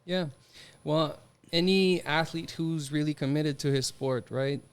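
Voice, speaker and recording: A man's voice: on the high side, a little slow, smooth. A French Canadian man with a Quebec accent, a hockey player answering interview questions in a thoughtful way. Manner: thoughtful, many restarts and fillers.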